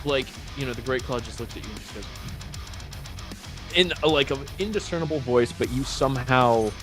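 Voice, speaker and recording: A man's voice: mid-range voice, fairly quick. A man running a tabletop game as game master, narrating loosely with lots of likes and ums. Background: faint music he is playing.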